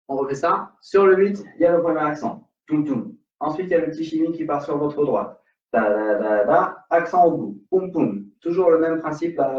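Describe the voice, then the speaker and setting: A man's voice: fairly high pitch, a little mellow. A man with a French accent teaching an online salsa class, counting beats and singing rhythm syllables. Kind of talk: online dance class instruction. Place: dance studio. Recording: roomy, distant, dull studio sound.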